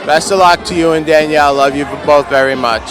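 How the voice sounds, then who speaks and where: A man's voice: a little high, steady tone, fairly quick. Rambling man toasting over party noise. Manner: hesitant, jokey, self-boasting. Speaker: wedding guest. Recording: music and crowd behind.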